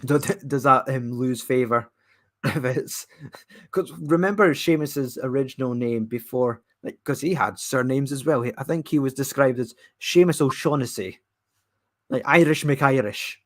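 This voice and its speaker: A man co-hosting a relaxed chat while reacting to a broadcast. He rambles through his points, often chuckling as he goes, with a mid-pitched, ordinary voice. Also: measured pace. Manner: chatty and rambling, laughs often. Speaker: co-host. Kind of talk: casual chat, live reactions. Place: at home watching TV.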